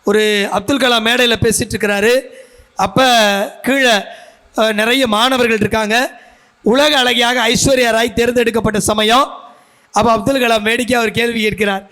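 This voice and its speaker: A man with a very high, bright and forceful voice delivers a guest speech from a school stage. He speaks as a practiced debate orator, moving from story to story and turning to the audience with questions. His voice comes through a stage microphone. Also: fairly even intonation, moderate pace, long pauses. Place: school function venue.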